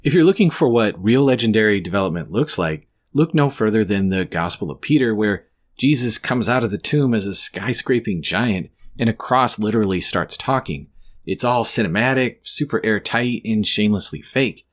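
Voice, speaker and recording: A man's voice: on the low side, expressive, normal speed. A man delivering scripted, conversational video commentary as a host, with wry, sarcastic asides.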